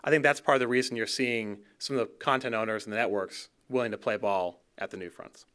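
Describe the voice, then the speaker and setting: Keynote speaker, male, 30s: bright, crisp voice, fluent and conversational at a podium mic. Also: lowish voice, steady tone, quick pace. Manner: fluent, conversational, repeats words at restarts. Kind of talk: conference keynote talk. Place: dark auditorium stage. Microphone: podium gooseneck mic.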